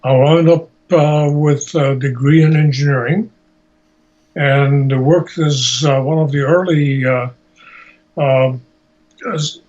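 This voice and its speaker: Interviewed about his life, an eighty-year-old Holocaust survivor who came from Slovakia and Hungary and later lived in the United States speaks slowly and deliberately, often stopping to find words. His voice is fairly high and a little mellow, with fairly even intonation. The sound is dull and lo-fi, an amateur recording.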